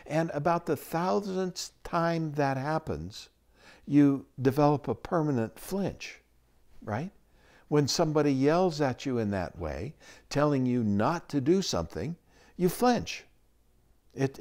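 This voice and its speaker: A man giving a reflective teaching talk, measured and explanatory, with frequent pauses. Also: medium pitch, darkish tone. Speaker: spiritual teacher.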